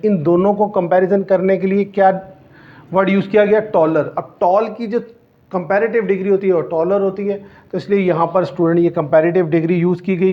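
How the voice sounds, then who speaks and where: A man teaching English grammar to students, explaining step by step and answering his own questions. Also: high-pitched. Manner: slows down and stretches out the English example sentences. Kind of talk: classroom-style grammar lesson. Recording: dull lo-fi recording.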